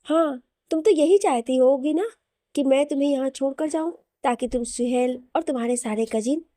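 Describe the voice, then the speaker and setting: Woman reading a snappy irritable young husband, bossy, mellow tone, dry close sound. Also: fairly high pitch, moderate pace, no room sound, natural voice. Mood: irritated. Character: arrogant angry young husband, man.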